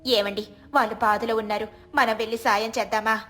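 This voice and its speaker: Woman voicing a farmer's wife, fairly high voice, gentle, persuasive, cartoon story. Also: little pitch movement, fairly quick, faint music behind, close to an everyday voice. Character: sensible, generous village farmer's wife.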